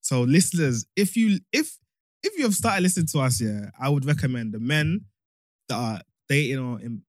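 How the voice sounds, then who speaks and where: A man's voice: mid-range voice, sing-song, normal speed, dry recording. A young man with a London roadman accent, co-hosting a podcast in casual, slangy conversation. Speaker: podcast co-host.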